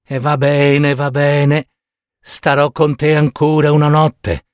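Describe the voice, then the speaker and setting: A man's voice: a little high, little pitch movement, takes it slowly, clear, resonant tone, no echo, clean studio sound. A man voicing a small, kind female swallow in a storybook, speaking earnestly and pleadingly.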